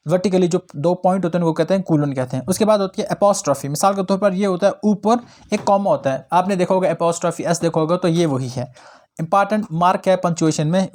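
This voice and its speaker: Young guy doing a grammar lesson, kinda high voice, keeps going "theek hai na". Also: darkish tone. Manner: explains in Hindi-English mix, repeats "ठीक है ना". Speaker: English grammar teacher.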